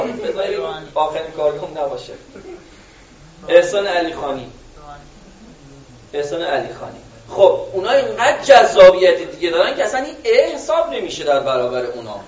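High-voiced Iranian man coaching a workshop. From Iran. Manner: animated, swings between loud and soft, quizzes the audience. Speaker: public speaking coach. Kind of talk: live workshop talk. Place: workshop room with an audience. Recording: echoey room, distant and dull.

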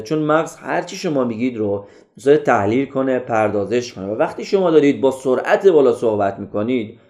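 A man teaching an online course on public speaking in a lively, instructive way, sometimes showing loud, soft and paused delivery. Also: mid-range voice.

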